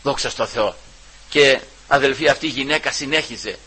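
A man preaching a sermon, repeatedly calling out to his brothers and swinging between loud emphasis and hushed asides. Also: mid-range voice, husky, low-quality recording.

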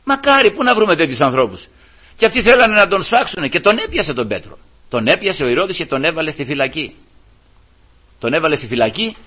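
Male preacher, bright and a little high, conversational sermon, keeps calling the congregation brothers. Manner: conversational, addresses listeners as brothers, acts out pleading voices.

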